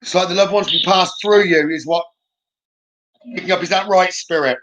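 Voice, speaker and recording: Higher-voiced man hosting a spirit session. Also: fairly quick, a bit bright, highs cut off. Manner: short repeated questions and instructions. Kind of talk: live spirit box session, calling out questions.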